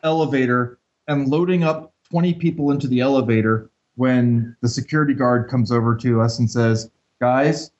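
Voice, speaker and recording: A man's voice: mid-range voice, fairly even intonation, a little fast, hardly any pauses, a little mellow. A man co-hosting a podcast, jumping in to finish a shared story in a casual chat. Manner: chatty, jumps in to finish stories. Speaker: podcast co-host. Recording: dull lo-fi sound.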